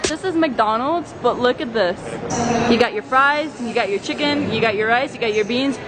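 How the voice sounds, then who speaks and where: High-voiced chatty young woman vlogging. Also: normal speed, over loud music, poor audio. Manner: chatty, giggly, filler-heavy. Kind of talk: casual vlog chat. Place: walking around a mall and a kitchen. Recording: loud background noise.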